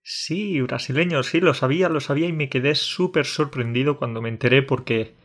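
A man's voice: mid-range voice, a little fast, fairly bright tone. A man from Andalusia in Spain co-hosting a podcast, chatting casually in a friendly, joking way. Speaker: podcast co-host. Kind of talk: casual conversation.

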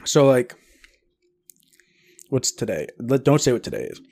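A man co-hosting a casual podcast chat with animated, teasing banter. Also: mid-range voice, a little slow. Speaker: podcast co-host.

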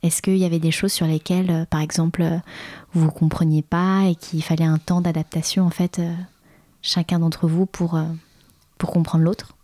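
A woman interviewing guests, chatty and relaxed, with frequent fillers. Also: fairly low pitch, moderate pace. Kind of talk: casual interview.

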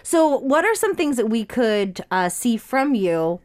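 A woman hosting a radio interview, chatty and animated with many fillers. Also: a little high, measured pace. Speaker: radio show host.

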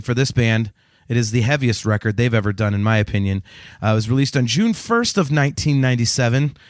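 A man co-hosting a music podcast chats casually and conversationally about albums. His voice is medium-pitched, and the studio-quality recording has no echo.

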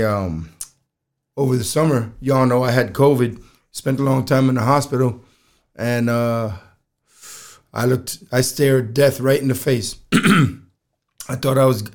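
A podcast host tells stories casually on his solo show in a medium-pitched voice that's rough and strained. He's halting and plain-spoken, and often clears his throat.

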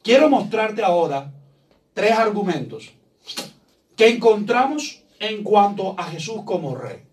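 A man's voice: high voice, very animated, measured pace, far from the mic, slight background noise. A man preaching a sermon as pastor in a church, pressing his points with emphasis and acting out the voices of the people he quotes.

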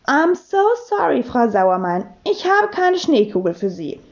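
A woman's voice: a little high, big pitch swings, measured pace, creaky, highs cut off, exaggerated voice. A woman voicing a cheerful English teacher who speaks broken German with an English accent. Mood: chirpy.

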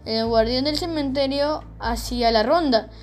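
A woman narrating a children's audiobook in a calm, measured storytelling voice. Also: sits high.

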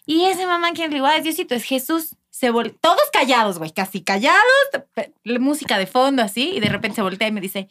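A Mexican woman co-hosting a casual podcast, her voice very high with lively melodic swings. She talks in quick, expressive bursts full of slang. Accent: Mexican Spanish. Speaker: podcast co-host, mother.

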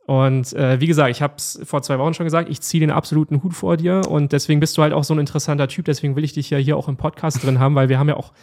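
A man's voice: fairly high pitch, steady tone, racing, hardly any pauses, a little mellow. A man hosting a podcast, who praises his guest with enthusiasm and speaks directly to his listeners. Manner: enthusiastic, effusive, talks to listeners. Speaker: podcast host. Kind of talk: casual podcast interview.

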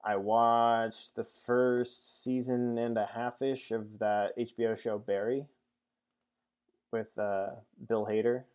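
A man co-hosting a casual chat, laid-back and quick to laugh as he goes over shows he has watched. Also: mid-range voice, little pitch movement, darkish tone, clear, resonant tone.

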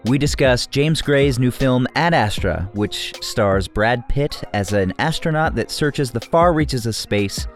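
A man co-hosting a casual podcast, playful and quick to laugh at his own slips. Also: mid-range voice, animated, soft background music. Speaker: podcast co-host.

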